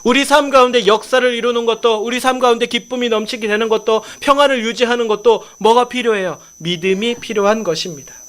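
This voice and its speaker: A male pastor preaching a Sunday sermon, putting questions to his congregation and reading scripture slowly with emphasis. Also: very high-pitched, steady tone, fairly bright tone, clear, resonant tone. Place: church sanctuary.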